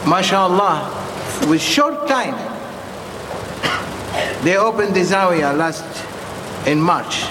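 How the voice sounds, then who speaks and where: A man who is a non-native English speaker preaching informally in short, halting, repeated phrases and putting questions to his listeners. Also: high-pitched, animated. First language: not English. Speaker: Sufi preacher addressing followers. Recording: echoey reverberant hall with clear background noise.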